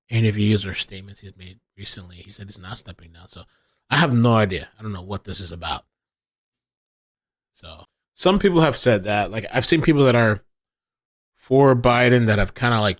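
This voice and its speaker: A man's voice: lowish voice, dry recording, studio quality. A man hosting a casual live stream, thinking aloud with lots of restarts and reading viewer chat. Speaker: livestream host.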